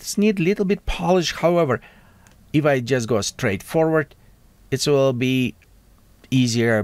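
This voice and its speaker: Lively, halting man's tutorial voice. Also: medium pitch, no room sound. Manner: halting, non-native English with frequent restarts. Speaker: tech tutorial host. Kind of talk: casual software tutorial.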